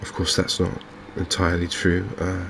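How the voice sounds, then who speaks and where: A gaming video host from England provides hushed ASMR commentary while playing a game. His voice is low and gravelly at the edges, and his delivery is extremely even, relaxed in pace, a little halting and gently contemplative. Behind him there's faint noise from open windows and fans.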